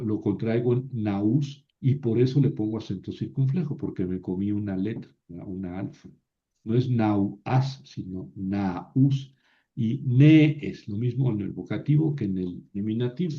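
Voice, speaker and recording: Slow, patient teacher. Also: male voice, medium pitch, dark tone. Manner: patient, halting explanation with many fillers and tag questions. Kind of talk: lecture on grammar. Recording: slightly dull, lo-fi sound.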